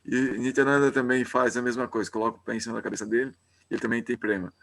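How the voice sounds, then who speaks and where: A man leads a devotional class. His voice sits at a middle pitch, and he narrates a scripture story in a loose, informal way, often catching himself and starting his sentences over. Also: fairly even intonation, quick pace, vocal fry, a bit bright. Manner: informal, hesitant, with frequent restarts.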